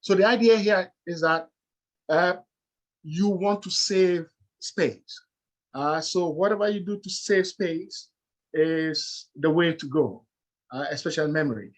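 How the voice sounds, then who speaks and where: A man's voice: a little high, unhurried, rough recording. A middle-aged man with a Ghanaian accent gives a lecture-style presentation, explaining step by step with frequent "uh"s and "okay"s.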